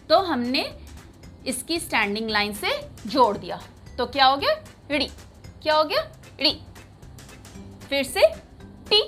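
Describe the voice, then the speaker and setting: A woman's voice: high voice, bright, forceful tone. A woman teaching young children a writing lesson, patiently asking a question and repeating each sound.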